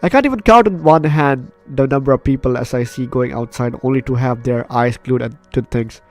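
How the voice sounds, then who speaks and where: Hosting a visual novel let's play, a man reads the narration aloud, adding goofy, informal asides and stumbling now and then. His medium-pitched voice is slightly fast and a little mellow, with game music playing behind it.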